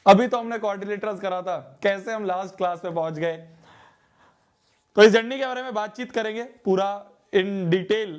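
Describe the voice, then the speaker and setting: A man with a high-pitched voice running a live online class from his studio. He chats with the students and keeps repeating phrases as he settles in before the lesson. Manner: chatty, repeats phrases often. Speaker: online teacher. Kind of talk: live class, casual Hindi teaching. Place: home studio.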